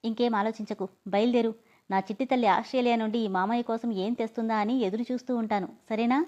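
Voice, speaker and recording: A woman voicing a gentle, fond older uncle who advises his niece in a soothing, fatherly way. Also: very high-pitched, fairly even intonation, fast. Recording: dull lo-fi audio.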